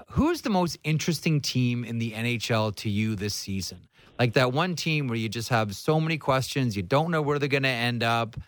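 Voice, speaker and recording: A man hosting a sports talk show chats casually about hockey and interviews guests, asking questions in a conversational, opinionated manner. His mid-range voice has lively intonation, normal speed and a slightly bright tone on a dry recording.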